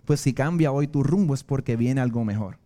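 A man's voice: mid-range voice, fairly quick, warm tone. A male pastor with a Puerto Rican accent preaching a sermon in an earnest way, weaving in personal stories. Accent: Puerto Rican Spanish.

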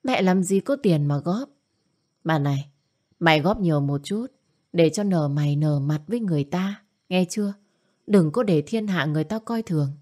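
A woman's voice: lowish voice, expressive, normal speed, darkish tone. A woman voicing an older, domineering mother who scolds and wails in self-pity. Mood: nagging. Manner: scolding, nagging, wailing.

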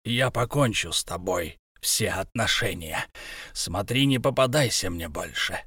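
A grim, wrathful dwarf king, read by a male narrator in a plain mid-pitched voice. He speaks with stiff pride and harsh edges. The sound is dry and close, like a storybook reading. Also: animated, moderate pace, a bit bright, no echo, lightly acted. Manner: stern, proud, harsh.

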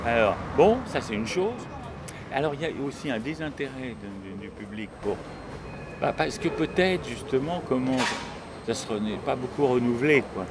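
A man, a singer-songwriter guest, talking in a casual radio conversation, animated, opinionated and a bit cynical. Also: mid-range voice, moderate pace. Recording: busy crowd noise behind.

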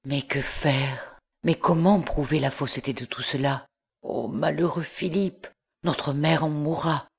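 A woman's voice: sits low, steady tone, measured pace, creaky, breathy edge, exaggerated voice. A woman reading an audiobook, voicing an anguished, upright young man who pleads earnestly. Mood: despairing.

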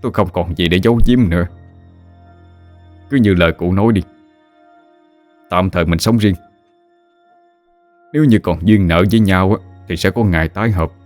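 A worn-out husband speaks in a low, resigned voice, heavy with reproach, as a male reader plays him. Faint music plays under him. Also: normal speed, long pauses, a little mellow, no echo, lightly acted. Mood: weary. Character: weary, ashamed husband.

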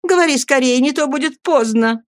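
Woman reader as an impatient, grasping matron, high and loud, demanding, dry close sound. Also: big pitch swings, brisk, no echo, close to an everyday voice. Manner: urgent, demanding outbursts. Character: impatient, greedy workhouse matron, grown woman.

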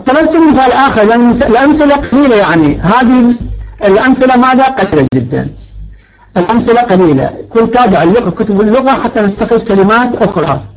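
A man's voice: very high voice, expressive, fast talker, muffled recording. A male teacher giving a grammar lecture, stretching out key words and quizzing his students. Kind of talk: Arabic morphology lecture.

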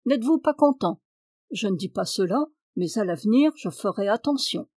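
A woman's voice: mid-range voice, normal speed, no echo, natural voice. A sly young farmhand who never loses his temper and always has a mocking answer, voiced by a woman reading aloud. The lines come a little raised and pushed, over a dry, close recording with no room sound. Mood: calm, sly. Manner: calm and mocking.

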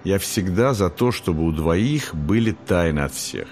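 A calm, wise old grandmother from a storybook, voiced by a man, speaking slowly and tenderly in a low, soft voice. Quiet music plays behind her.

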